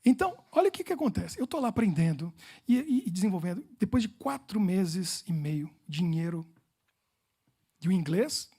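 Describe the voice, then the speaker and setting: A man's voice: high voice, sing-song, normal speed, mellow, slightly rough. A Brazilian man preaching as a pastor, telling personal stories with humor and playful repetition.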